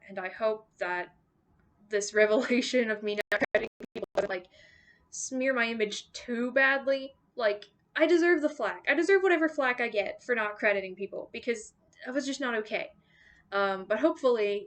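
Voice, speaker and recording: A young woman making a casual vlog to her viewers, rambling and apologetic with lots of ums and likes. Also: mid-range voice. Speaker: YouTuber making song covers.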